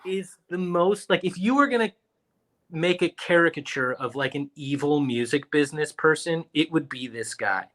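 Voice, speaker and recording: A man's voice: fairly high pitch, normal speed. A man co-hosting a podcast, telling stories in casual chat and mimicking the people he talks about. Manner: animated storytelling, quoting people in mock voices. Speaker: podcast co-host.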